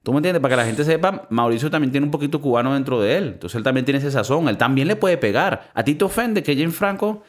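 A man's voice: medium pitch, fast, few pauses. A man with a Venezuelan Spanish accent, co-hosting a podcast in casual, slangy chat full of swearing. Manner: animated, slangy, swears freely. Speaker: podcast co-host.

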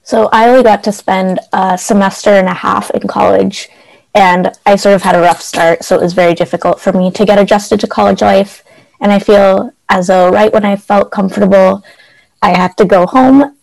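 A young woman from the Bay Area speaks as a panel guest over a video call. Her voice has a strong vocal fry, and the sound is close and dry. She talks earnestly, with a little hesitation. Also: medium pitch, steady tone, normal speed, a little mellow, dry recording, poor audio. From San Francisco Bay Area. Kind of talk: casual chat.

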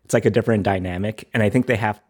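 A man with a gravelly voice worn from talking, chatting casually as a podcast co-host and halting as he thinks aloud. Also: on the low side, steady tone, darkish tone. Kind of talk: casual chat.

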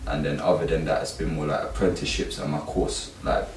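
In a rumbling low voice with little pitch movement, a London man talks fairly quickly and casually, leaning on emphatic street slang like the youth mentor and course teacher he is. A distant mic gives the audio a roomy feel with faint noise behind.

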